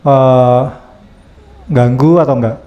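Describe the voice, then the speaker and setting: A man's voice: mid-range voice, fairly even intonation, slow, reverberant, muffled recording. A man hosting a casual office podcast chat, asking probing follow-up questions and tossing in frequent okays. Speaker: podcast host.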